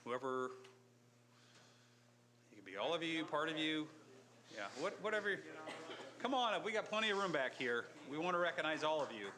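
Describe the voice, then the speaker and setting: A man's voice: a little high, big pitch swings, normal speed, long pauses, a crowd in the background. A man with an Indiana accent leading a city council meeting in the chambers, talking in an upbeat, folksy, chatty way. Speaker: council president. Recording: crowded chamber with background noise.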